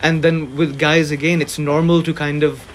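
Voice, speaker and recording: A man's voice: on the high side, level tone, normal speed, crowd noise. A young man from Pakistan, interviewed in casual conversation, talking hesitantly with many fillers and restarts. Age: young adult.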